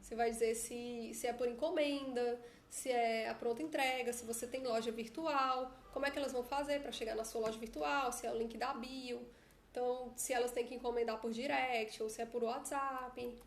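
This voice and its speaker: A woman's voice: on the high side, fairly even intonation, moderate pace, a little hiss or hum. A Brazilian woman with a chatty manner, coaching her followers in a casual live stream on her phone. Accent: Brazilian Portuguese. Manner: chatty, often adds tag questions. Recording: echoey room.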